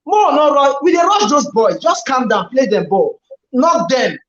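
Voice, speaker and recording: A man's voice: very high-pitched, big pitch swings, unhurried, a bit bright. A man with a Nigerian accent talks through a football match as a guest pundit, hammering his points home by saying them twice. His voice sits in a roomy, echoing space, and the recording sounds dull and muffled. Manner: emphatic, repeats phrases for stress. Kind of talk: casual match analysis and mock commentary.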